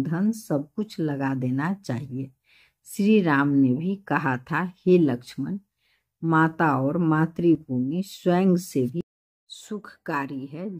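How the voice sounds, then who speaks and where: A woman teacher reading out textbook questions and dictating the answers slowly and carefully. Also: sits low, darkish tone, slightly rough. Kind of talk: explaining textbook answers to a class.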